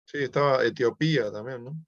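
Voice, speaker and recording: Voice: mid-range voice, fairly quick. Hesitant student on a muffled call. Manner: hesitant, repeats "sí, sí". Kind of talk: question in online class. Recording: dull lo-fi video call audio.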